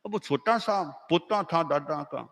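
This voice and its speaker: High-voiced man preaching in a reverberant hall. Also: a little slow. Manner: animated storyteller, acting out the voices. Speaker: Jain monk preacher. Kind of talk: sermon with storytelling.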